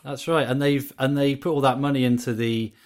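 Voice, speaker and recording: A man co-hosting a podcast, telling absurd jokes deadpan and laughing often. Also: medium pitch, brisk. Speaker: podcast co-host. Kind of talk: casual chat.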